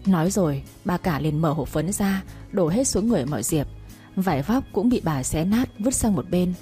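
A woman reading a story aloud as narrator in a steady, even manner. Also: fairly low pitch, normal speed, soft background music.

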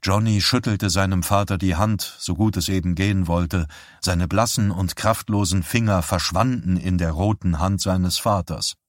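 A man reading an audiobook as narrator, calm and measured. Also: low voice, no echo, clean studio sound. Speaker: audiobook reader. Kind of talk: scripted narration.

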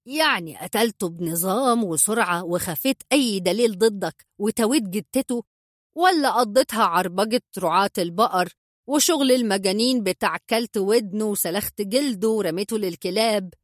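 Woman voicing a gruff Egyptian gang boss. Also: medium pitch, normal speed, no echo, clean studio sound, natural voice. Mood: probing. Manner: curt, bossy, coarse. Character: gruff irritable middle-aged male gang boss.

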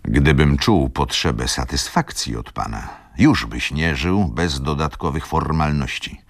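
A man reading a novel aloud and voicing a proud middle-aged merchant in a measured, hollow, clipped way. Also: rumbling low, expressive, no room sound, studio quality, full character voice. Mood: stern.

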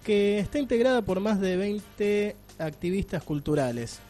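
An Argentine man on a community radio show, his voice sitting a little high and soft-toned. He reads out the news in an animated way, pushing up on each item he lists. Music plays faintly underneath. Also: unhurried. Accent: Argentine Spanish. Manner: animated, lists news items with rising emphasis. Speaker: radio co-host. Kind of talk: casual radio chat.

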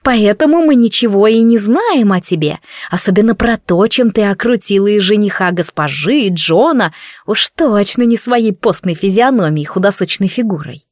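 A woman's voice: mid-range voice, lively intonation, normal speed, darkish tone, no echo, clean studio sound, natural voice. A woman voicing a spiteful, jealous young maid who talks in a venomous, mocking hiss.

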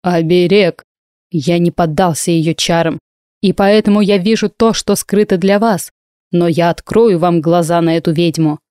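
A woman's voice: lowish voice, normal speed, dark tone, clear, resonant tone, no echo, studio quality, natural voice. A woman reading the lines of a fierce male warrior who harshly accuses a witch, in an audiobook. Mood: menacing.

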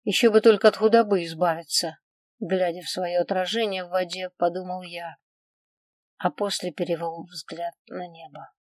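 A woman narrating a first-person audiobook in an even, measured reading. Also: on the low side, no room sound. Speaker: audiobook reader.

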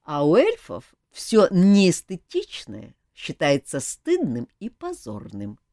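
Cheeky young male jester, animated and teasing, low lively voice, dry sound; a woman narrator voicing him. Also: takes it slowly, no echo, heavily acted. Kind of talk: audiobook reading.

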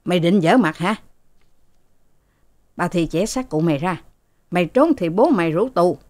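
A woman's voice: lowish voice, animated, moderate pace, a little mellow, close to an everyday voice. A woman voicing a bossy, harsh rich mistress who scolds her servants in a haughty manner, in a storybook reading. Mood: scolding.

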